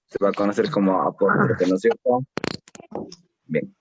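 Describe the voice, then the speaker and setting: A man's voice: deep voice, moderate pace, husky, no echo, muffled recording. A male English teacher with an Ecuadorian Spanish accent, leading an online class and drilling grammar patiently with check-in questions. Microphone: computer mic on video call.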